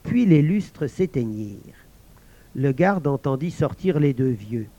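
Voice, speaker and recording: A man's voice: medium pitch, animated, unhurried, dark tone. A man reading a fairy tale aloud, speaking directly to a child listener. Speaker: storyteller. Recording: dull lo-fi dry recording.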